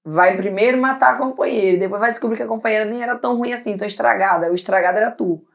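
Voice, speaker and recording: A woman in her thirties, a pediatrician guest on an interview show, talking loudly and animatedly in casual chat. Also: mid-range voice, vocal fry. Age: 30s. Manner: loud, animated, talks fast and laughs easily.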